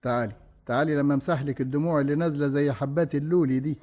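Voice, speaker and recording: Brief: an actor as a husky, rapid-talking Egyptian shopkeeper, greasy charm, lo-fi radio. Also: male voice, on the high side, natural voice. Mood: oily. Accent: Egyptian Arabic. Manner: oily flattery, husky. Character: lecherous shop owner, smooth then scornful. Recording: lo-fi archive radio with faint music.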